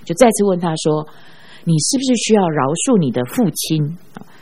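A woman preaching a sermon, telling stories in an animated way and ending phrases with a drawn-out "ah". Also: lowish voice, a little hiss or hum. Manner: animated storyteller who ends phrases with a drawn-out "ah". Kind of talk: sermon with storytelling.

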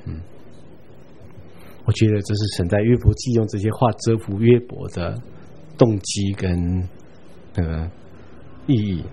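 A man giving a Bible study lecture in a relaxed, chatty way, chuckling now and then and checking in with his listeners. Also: fairly low pitch, a little slow, gravelly, pauses often, a little hiss or hum. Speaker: Bible teacher.

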